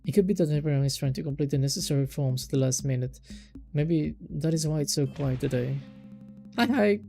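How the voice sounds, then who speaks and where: A man reads a visual novel aloud in a casual let's-play, breaking off into chatty, amused asides and correcting himself often. His voice is mellow and gravelly, with faint guitar music playing behind. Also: fairly high pitch, steady tone, fast.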